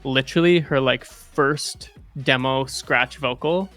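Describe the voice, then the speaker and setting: On a livestream, a music producer chats casually about his music in a medium-pitched, fairly bright voice at a slow pace. Talkative and easygoing, he drops "dude" and "like" constantly. Faint music plays in the background.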